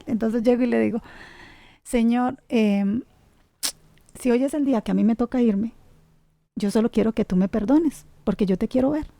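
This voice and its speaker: A middle-aged woman, speaking in a gravelly, fairly high voice. She tells her story as a heartfelt testimony, with restarts and tag questions. The sound is dry and close. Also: dark tone, dry recording. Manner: earnest, devout, with many restarts and tag questions. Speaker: guest sharing a grief story. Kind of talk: personal testimony.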